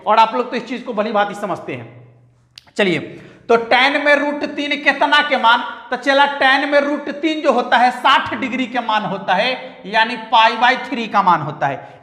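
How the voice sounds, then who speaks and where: High bright male math teacher. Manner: emphatic and repetitive, scolding banter with students. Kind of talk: online math lesson. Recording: echoey room with long reverb.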